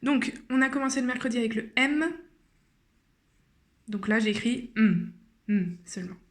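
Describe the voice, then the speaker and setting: A woman teacher guiding young children through cursive handwriting step by step, slowly and patiently, with frequent hesitations. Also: on the high side. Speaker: primary school teacher.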